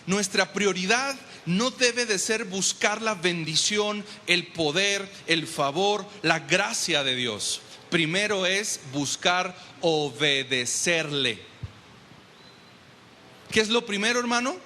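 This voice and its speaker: A man's voice: sits high, lively intonation, takes it slowly, sharp tone, in a large hall, slight background noise. A man preaching a sermon as pastor in a church, emphatic and often asking the congregation to confirm.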